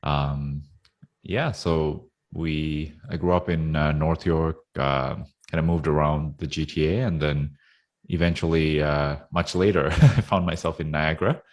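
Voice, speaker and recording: Male guest in his 30s, very low voice, easygoing and chuckly, video-call audio. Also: unhurried. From Sri Lanka. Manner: relaxed, chuckles often, hesitant fillers. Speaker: interview guest. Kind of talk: casual interview talk.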